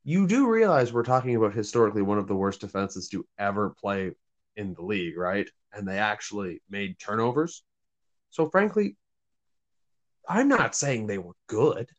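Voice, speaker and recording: A man's voice: on the low side, highs cut off. A man co-hosting casual sports banter over a group voice chat, making his points in a matter-of-fact way. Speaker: sports podcast co-host. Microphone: remote voice chat call.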